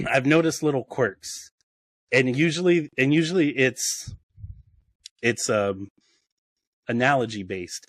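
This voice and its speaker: A man's voice: medium pitch, slow pace, long pauses, dry recording. A man on a podcast call, telling rambling stories with many restarts and laughing at his own jokes. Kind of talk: casual chat, storytelling.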